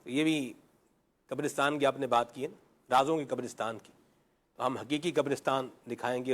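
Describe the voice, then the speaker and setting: A man on a talk show giving moral advice in style speech, explaining through everyday examples and answering his own questions. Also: medium pitch. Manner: explains with homely examples, asks and answers himself. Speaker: religious talk show panelist.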